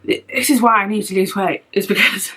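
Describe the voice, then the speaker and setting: A woman's voice: medium pitch, fairly even intonation, moderate pace, sharp tone, husky, poor audio. A young woman vlogging at home in casual, rambling chat, open and self-deprecating about herself. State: out of breath. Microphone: phone or tablet camera.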